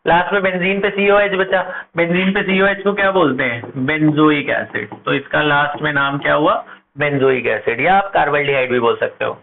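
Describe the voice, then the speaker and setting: A man teaching chemistry at a board, asking his class questions and answering them himself, slowing down to spell out compound names. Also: on the high side, steady tone, vocal fry. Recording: tinny phone-like audio with faint noise.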